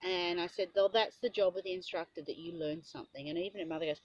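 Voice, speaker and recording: A woman's voice: lowish voice, fast talker, no room sound, lo-fi sound. A woman, a riding instructor, chatting casually and telling a long story about a lesson, acting out what people said. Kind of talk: casual chat.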